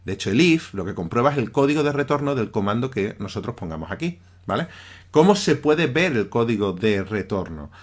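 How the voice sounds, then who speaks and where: A man's voice: medium pitch, big pitch swings, a little fast. A man giving a recorded programming lesson over his screen, talking conversationally and often checking in with his listeners. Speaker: teacher.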